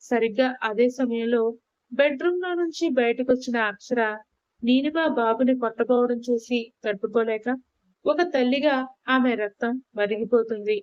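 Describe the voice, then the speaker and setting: A woman narrating an audio drama story in an expressive, dramatic way. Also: on the high side, normal speed, dry recording, muffled recording.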